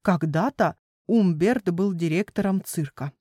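A woman's voice: fairly low pitch, measured pace, mellow, no echo, clean studio sound. A woman doing a mysterious storytelling raccoon dad. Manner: mysterious, teasing. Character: teasing father raccoon, storyteller.

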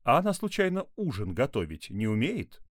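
A man's voice: mid-range voice, huge pitch swings, normal speed, dry recording, pitched above the performer's own voice. A man voicing a skeptical mother who teases with dry mockery, in a read-aloud story. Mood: mocking. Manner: dry, mocking.

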